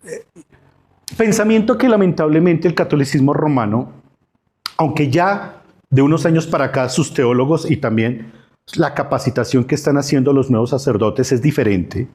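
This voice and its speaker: Pastor teaching a Bible class. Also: male voice, fairly high pitch, moderate pace, a little mellow. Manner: asks the class questions and answers them himself; acts out dialogue from the parables. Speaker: pastor teaching Sunday school. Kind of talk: Sunday school Bible class.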